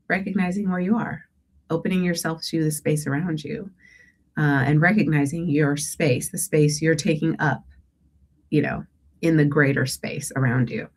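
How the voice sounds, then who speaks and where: A woman with a low, slightly mellow voice hosts a call-in show as a declutter coach, talking casually about goals and guiding listeners through breathing. She sounds a bit stuffy from a cold, rambles, corrects herself, and often asks "right?"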